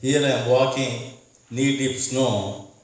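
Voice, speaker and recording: A man's voice: medium pitch, fairly even intonation, slow pace. A middle-aged man with an Indian accent gives an earnest debate speech as a candidate, telling his story and often repeating words. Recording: echoey room from far off.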